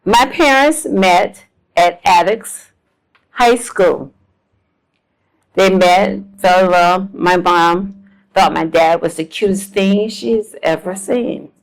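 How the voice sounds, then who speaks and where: A South Florida woman in her seventies, invited as a guest speaker, tells her life story to a live audience in a lecture room. Her voice is fairly low and slow, and she speaks in a homespun way full of ums and self-deprecating jokes. The audio quality is poor.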